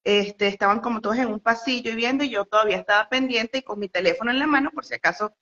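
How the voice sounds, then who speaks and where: A woman's voice: fairly high pitch, fast talker, bright, forceful tone, dull audio. A young woman from Venezuela with a Venezuelan Spanish accent, telling a story as an interview guest with lots of fillers and laughter. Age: young adult. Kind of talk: casual phone interview storytelling.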